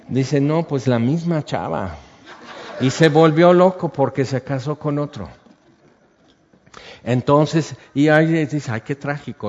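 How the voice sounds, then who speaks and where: A man with a Mexican accent gives an animated sermon. He reads scripture and tells stories to make his points. The recording has a long hall reverb and a dull, muffled sound. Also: on the low side. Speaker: preacher.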